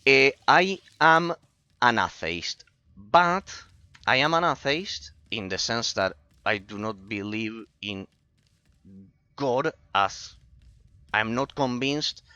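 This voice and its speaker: Bright-voiced man gaming and chatting. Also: medium pitch, expressive, slow pace, clean tone, dry recording, dull audio. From Argentina. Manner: rambling, repeats phrases, talks philosophy. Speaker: gaming streamer. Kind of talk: casual commentary while gaming, replying to chat.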